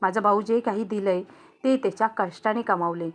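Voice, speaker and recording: A woman's voice: mid-range voice, brisk, close to an everyday voice. A woman storyteller voicing a young daughter-in-law who answers respectfully but stands up for herself. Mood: indignant. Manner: pleading, then indignant.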